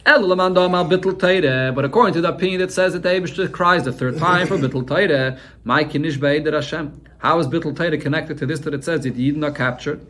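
A man's voice: on the high side, fast talker, few pauses, fairly bright tone. Man teaching a Talmud lesson. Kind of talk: Talmud shiur, translating and explaining.

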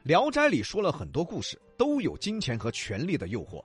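A man's voice: a little high, wildly swooping pitch, a little fast, slightly rough, soft background music. A man co-hosting a storytelling podcast, retelling a classic tale with jokes and banter. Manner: joking, playful. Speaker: co-host storyteller.

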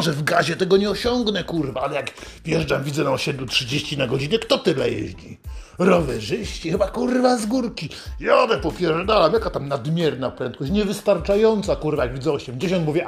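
Man, comedic rant, foul-mouthed, swaggering, fairly high voice, faint music behind. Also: creaky.

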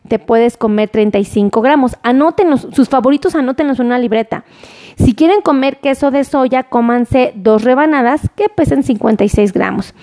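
A woman talks to her viewers on a live stream, running down a list of portions and pausing to greet commenters by name. Her voice sits high, and she keeps coming back to ask people to share. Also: a little mellow. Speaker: nutrition livestream host.

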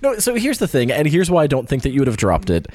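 A man's voice: on the high side, huge pitch swings, fast talker, darkish tone, no echo. A man hosting a podcast in casual chat, rambling with lots of filler words and restarts. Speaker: podcast host.

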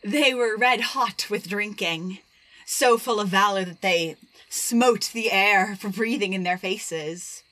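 Casting: woman as airy spirit, lively teller, unhurried. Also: mid-range voice. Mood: eager. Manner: lively storytelling. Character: quick obedient airy spirit servant.

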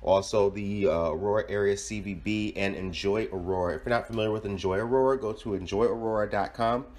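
Male host, slightly low voice, casual upbeat delivery. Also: fairly even intonation, brisk. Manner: upbeat, casual shout-outs. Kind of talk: local community news and interview.

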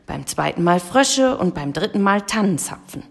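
A woman reading aloud and voicing a grumpy, scolding male raven in a children's audiobook, her voice gravelly. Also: fairly low pitch, lively intonation, moderate pace, exaggerated voice. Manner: scolding, croaking.

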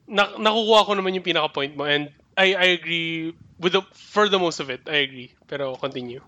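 A young man talks through ideas on a podcast, restarting and hedging as he goes. His voice sits high and sounds bright and forward. The sound is dry and close, with no room around it. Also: a little fast, dry recording, dull audio. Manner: thinks aloud, restarts and hedges. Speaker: podcast co-host. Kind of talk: casual chat mixing Tagalog and English.

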